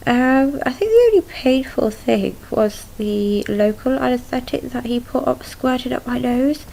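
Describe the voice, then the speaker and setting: A young woman giving a casual video diary in a subdued, halting way, recorded indoors at home on a device at arm's length. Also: on the high side, expressive, vocal fry, mellow, low-quality recording. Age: young adult. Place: small room at home, indoors.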